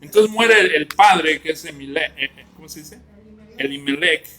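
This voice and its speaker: Male Bible class teacher, fairly high, bright voice, chatty and questioning. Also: moderate pace. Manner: conversational, asks the class questions and jokes with students.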